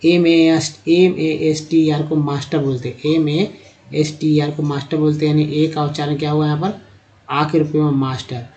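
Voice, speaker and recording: A man teaching beginners to read, spelling out letters slowly and repeating each word. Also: on the high side, flat delivery, darkish tone, muffled recording. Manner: addresses viewers as friends, asks and answers his own questions. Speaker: English reading teacher. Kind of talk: explanatory lesson for beginners.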